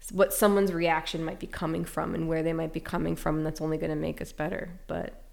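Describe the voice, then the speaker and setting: A woman with a low, gravelly voice talks as an interview guest, candid and reflective. She laughs easily between thoughts and speaks plainly about hard times. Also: little pitch movement, a little fast, a little mellow. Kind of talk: casual emotional interview.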